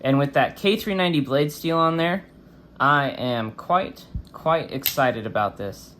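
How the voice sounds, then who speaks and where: Guy doing a chatty review vid, bright voice, mouth kinda swollen from wisdom teeth surgery, bit of background noise. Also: fairly high pitch, a little slow. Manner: informal, chatty. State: swollen face and slightly impeded speech after wisdom tooth removal. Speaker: host of a knife review channel. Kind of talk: casual product review vlog.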